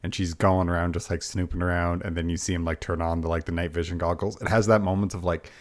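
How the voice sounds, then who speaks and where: A man's voice: low voice, little pitch movement, fast. A man co-hosting a podcast in a laid-back, wry, chatty way. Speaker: podcast co-host. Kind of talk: casual chat.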